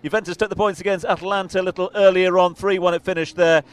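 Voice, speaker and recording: A man presenting a radio sports show, briskly reading football results with frequent fillers. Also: sits high, fairly even intonation, clean tone.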